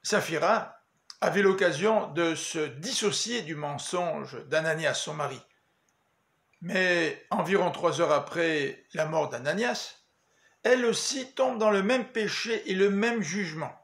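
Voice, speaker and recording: A man giving a daily Bible meditation as pastor, in a measured, earnest preaching manner. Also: fairly high pitch, gravelly, fairly bright tone. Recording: echoey room.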